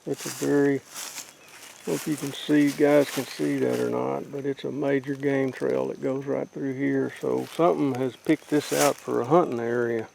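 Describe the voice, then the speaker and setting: A man's voice: medium pitch, little pitch movement, normal speed, vocal fry, darkish tone. A middle-aged man giving plain-spoken, casual commentary as he explores the woods for a vlog. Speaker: outdoor vlog co-host. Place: outdoors in woods. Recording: faintly noisy outdoor field recording.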